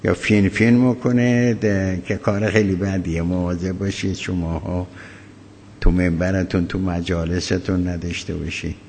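A deep, gravelly man delivers a religious law lecture, measured and halting, often stopping mid-thought. His voice rings with a long hall echo over a faint hum of ambience. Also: level tone, darkish tone. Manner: measured, halting lecture with many pauses and fillers. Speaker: cleric teaching jurisprudence.

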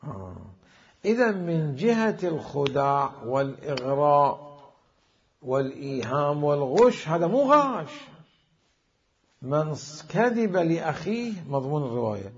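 A man teaching a classical religious jurisprudence lecture, deliberate, posing questions and answering them himself. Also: on the high side, very animated. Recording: dull lo-fi recording.

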